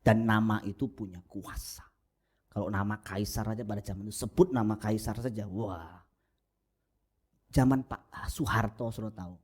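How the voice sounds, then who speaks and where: A man preaching a sermon as pastor, animated and jokey, with mimicry and sudden soft asides, on a lo-fi church recording. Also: husky. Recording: lo-fi low-bitrate church recording.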